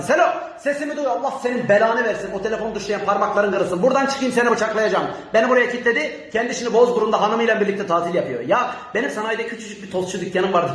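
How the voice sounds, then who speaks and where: A man's voice: high-pitched, a bit bright, very echoey. A man performing comic monologues, ranting in exasperation. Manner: exasperated rant. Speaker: comedian doing character monologues.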